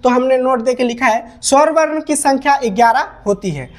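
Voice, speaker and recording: A woman teacher with a slightly high voice works through a grammar lesson at a whiteboard. She repeats each definition and keeps asking her students questions, then answers them herself. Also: normal speed.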